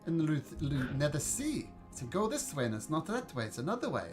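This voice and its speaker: A man's voice: fairly high pitch, fairly quick, over music. A man from New Zealand running a tabletop game on a video call, joking with the players. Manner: animated, joking. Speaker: game master. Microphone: computer mic on a video call.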